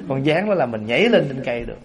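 A man giving a Buddhist sermon to an assembly, telling lively everyday stories. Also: mid-range voice, background noise. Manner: lively storyteller, acts out everyday scenes with laughter. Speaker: Buddhist monk giving a Dharma talk.

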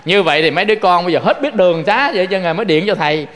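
A man's voice: high-pitched, racing, fairly bright tone, long reverb tail. A man with a Southern Vietnamese accent giving a Buddhist sermon, telling folksy stories and often turning to address his listeners. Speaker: Buddhist monk preaching.

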